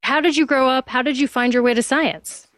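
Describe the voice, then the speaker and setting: A woman's voice: high voice, fairly even intonation, fairly quick, dry recording. A woman interviewer asking direct, probing questions.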